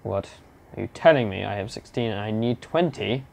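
A young man giving casual commentary while playing a game, muttering to himself and breaking into silly shouts and growls. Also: on the low side, lively intonation, normal speed, vocal fry. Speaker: gamer playing through a game. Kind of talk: casual let's-play commentary.

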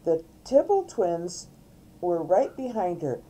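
Older lady reading a kids book at home, super mellow, slow and sing-songy. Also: on the low side, big pitch swings, low-quality recording. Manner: gentle and coaxing, talking to small children. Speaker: great-grandmother reading aloud. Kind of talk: children's storybook reading. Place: at home, filmed by a family member.

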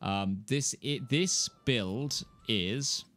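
He speaks in a mid-range, slightly bright and nasal voice, drawing out his words. The young southern English streamer, mildly Kentish in accent, rambles casually to viewers as he games, mocking himself and laughing often. He's indoors at home in a gaming chair, with a desk mic placed in front of him.

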